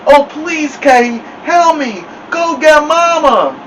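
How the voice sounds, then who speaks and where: A man's voice: on the high side, animated, slow pace, fairly bright tone, far from the mic, slight background noise, voice pushed up, low-quality recording. A man reading aloud, voicing a young boy whose lips are frozen, crying and mumbling his words. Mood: panicked. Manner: wailing, mumbled pleas.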